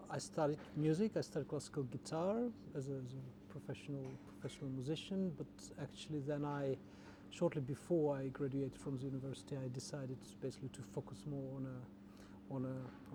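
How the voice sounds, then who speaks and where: Speaking at a medium pitch with a flat delivery, a man raised in the Czech Republic, who is an orchestra's general manager, answers an interview hesitantly and repetitively. The recording picks up background noise.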